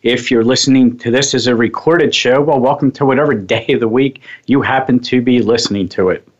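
A man's voice: mid-range voice, fairly quick. A man hosting a radio show on hypnosis and mindfulness, talking casually in a rambling way and often correcting himself. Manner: rambling, self-correcting, chatty. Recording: slightly muffled lo-fi audio.

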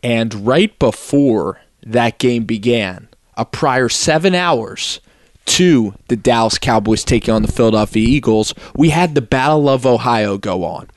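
A young male sports radio host who talks with energy and emphasis as he analyzes games. His voice sits at a middle pitch. The recording is dry and close. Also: lively intonation, unhurried, dry recording.

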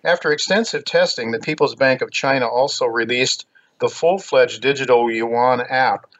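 An American man hosts a talk radio monologue on a dull, lo-fi line. He reads in a measured but halting way, often stopping and restarting phrases. His pitch sits in an ordinary male range. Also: fairly bright tone. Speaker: radio show host. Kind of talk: radio monologue, reading out news on markets.

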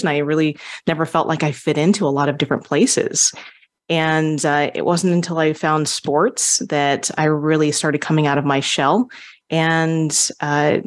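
Woman from Hawaii telling her story. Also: low-pitched. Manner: warm storytelling, laughs often, many fillers. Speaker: guest speaker. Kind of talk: conversational interview.

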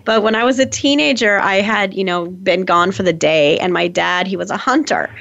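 A woman's voice: medium pitch, moderate pace, gravelly, a bit bright. Woman podcast host, mid-range voice, reflective and agreeable, slightly dull sound. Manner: affirming, reflective, frequent "right" and "exactly". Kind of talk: casual podcast conversation.

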